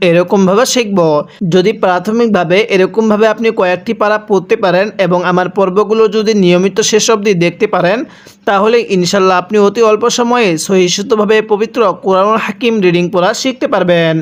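High, smooth-voiced man teaching recitation. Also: muffled recording. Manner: slow drawn-out recitation alternating with rapid explanations; calls on listeners to read along with him. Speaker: Quran reading teacher. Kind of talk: spelling-based Quran recitation lesson.

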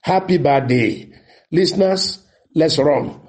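A man's voice: a little high, takes it slowly, a little mellow. A man, a radio pastor declaring prayers in short commanding phrases and reading out listener letters to answer them. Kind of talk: prophetic prayer and counseling on radio. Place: radio studio.

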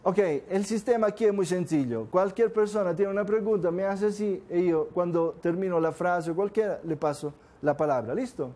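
Older man, from southern Italy, native Italian speaker, warm mellow tone, slightly high pitch, chatty seminar talk, asks the audience questions. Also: moderate pace, hardly any pauses. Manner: conversational, asks the room questions often. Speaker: course speaker. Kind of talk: informal seminar talk to a class.

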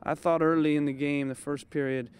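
Coach talking after a night match. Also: male voice, a little high, flat delivery. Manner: thoughtful, measured, frequent fillers. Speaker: head coach. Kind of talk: postgame interview. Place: outdoors at a training field at night. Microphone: handheld interview mic held close.

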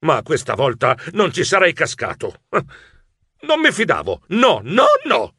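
A man narrating a children's audiobook in first person as a nervous mouse writer, in an expressive storytelling voice. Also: on the high side, unhurried, slightly rough, dry recording, clean studio sound.

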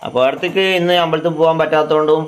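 Fast-talking man vlogger. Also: a little high, flat delivery. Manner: chatty, addresses viewers, teasing questions. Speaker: family vlogger. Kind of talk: casual vlog chat. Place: at home indoors.

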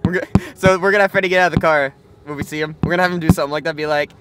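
A man's voice: fairly high pitch, fairly even intonation, racing, background noise. A young man hosting a casual vlog from inside a vehicle, laid-back and joking, laughing often. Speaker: vlogger host.

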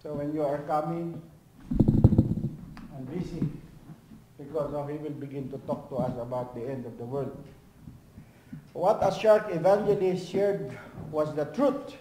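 A male pastor preaching a sermon in lively, swinging from loud emphasis to near-whisper and acting out short dialogues. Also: a little high, normal speed, background noise. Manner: animated preaching, swings from loud to soft, acts out little dialogues. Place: church. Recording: echoey church hall.

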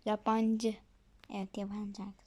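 A woman's voice: mid-range voice, completely flat delivery, a little fast, darkish tone. A woman casually commenting on her game for viewers, chatty and often dropping to a whisper. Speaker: gaming video creator.

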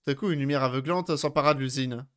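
A man's voice: medium pitch, fast talker, a little hiss or hum. French man reading a game aloud. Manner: lively, switches between narration and reactions. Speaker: streamer. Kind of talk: let's play, reading game text aloud. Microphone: studio microphone.

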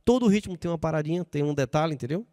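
A man's voice: a little high, expressive, fast talker, dark tone, dry recording. Chatty man demoing keyboard sounds. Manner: chatty, talks straight to viewers. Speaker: keyboard demonstrator. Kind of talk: casual product demo. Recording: dry close recording with keyboard music underneath. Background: keyboard music playing.

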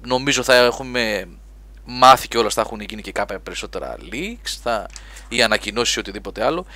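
A man hosting a live gaming webcast, chatting lively and reading listener questions aloud. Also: medium pitch. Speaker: podcast host.

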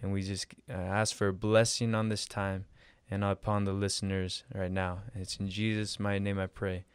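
Low-voiced young pastor, dry studio mic. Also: male voice, level tone, moderate pace, clear, resonant tone, no echo. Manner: earnest, with frequent fillers in prayer. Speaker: pastor and podcast co-host. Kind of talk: prayer and casual podcast chat. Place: small studio. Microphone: studio mic close up.

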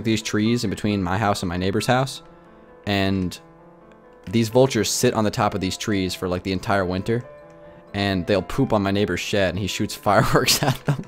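A young man chatting casually on a gaming livestream, rambling with lots of "like" and ranting in an animated way. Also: on the low side. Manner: rambling, heavy use of filler "like", animated ranting.

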